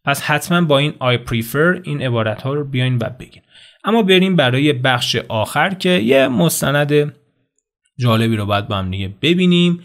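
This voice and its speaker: A man giving a video English lesson in Persian, explaining phrases and saying English examples slowly and clearly. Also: medium pitch, lively intonation, a bit bright. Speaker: English teacher.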